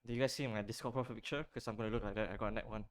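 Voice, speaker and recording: A man's voice: on the low side, fairly even intonation, very fast, a crowd in the background. A man playing a tabletop game and chatting casually with his group. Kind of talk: casual chat.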